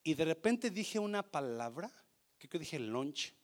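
A man preaching a sermon as pastor, animated, swinging between loud exhortation and quiet asides, mixing English phrases into his Spanish. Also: fairly high pitch, a little slow.

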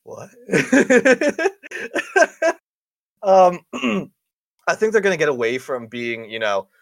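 A man's voice: sits high, animated, slow, creaky, no room sound, clean studio sound. A man hosting a casual podcast, rambling, laughing often and swearing freely. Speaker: podcast host. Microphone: studio microphone.

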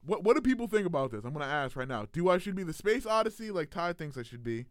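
A male podcast co-host who talks fast with a lively, up-and-down voice that sits a little high. He jokes around and stumbles over his words, heard close and dry. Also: no room sound. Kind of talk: casual podcast banter.

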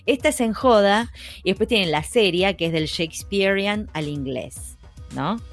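A woman's voice: medium pitch, lively intonation, normal speed, soft background music. A woman with a Rioplatense Spanish accent, co-hosting a casual chat, playful and laughing often. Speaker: podcast co-host.

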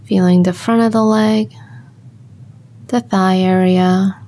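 A woman with an average-pitched voice guides a body scan meditation, sounding calm and mellow. She speaks slowly and gently, leaving long pauses between brief instructions.

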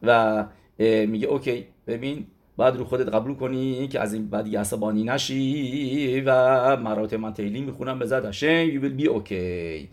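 A man teaching a religious lesson, retelling stories in a loose conversational way that halts and often restarts words. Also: mid-range voice. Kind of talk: storytelling Torah lesson.

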